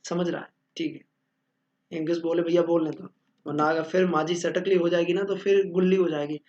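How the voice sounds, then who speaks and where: A man's voice: a little high, little pitch movement, fairly quick, darkish tone, lo-fi sound. A man teaching accounting in a joking, bantering lecture, answering his own questions.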